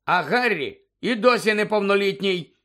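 A man's voice: sits high, expressive, normal speed, bright, forceful tone, pitched above the performer's own voice. A man voicing an indignant, mocking teenage boy. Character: cheeky teenage boy, angry.

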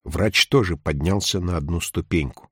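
A man narrating an audiobook in a measured, even reading on a close mic. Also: deep voice, husky, no echo. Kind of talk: scripted narration.

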